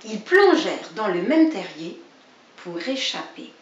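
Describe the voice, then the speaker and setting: A woman's voice: mid-range voice, sing-song, a little slow. A woman reading a children's story aloud, expressively, speaking directly to a child. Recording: dull, roomy, distant recording.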